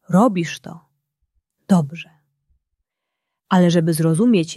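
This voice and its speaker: A woman narrating a bedtime story for children in a gentle, unhurried way. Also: fairly low pitch, no room sound, clean studio sound.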